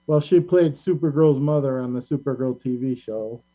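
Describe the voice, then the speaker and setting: A talk show host with an average-pitched voice leads a casual pop culture conversation, rambling and opinionated, frequently halting mid-thought. The audio sounds dull and band-limited.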